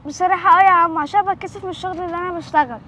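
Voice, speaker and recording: A young woman with an Egyptian accent playing a timid young street cleaner who talks in a pleading, hushed way. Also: extremely high pitch, fairly even intonation, rapid-fire, slight background noise. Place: outdoors on a city street.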